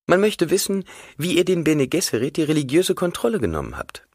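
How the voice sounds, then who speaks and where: Brief: male reader playing a respectful young woman envoy, raised pitch, a little breathy, dry close sound. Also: huge pitch swings, fairly quick, a little mellow, no room sound, exaggerated voice. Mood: deferential. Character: young female envoy, polite and deferential.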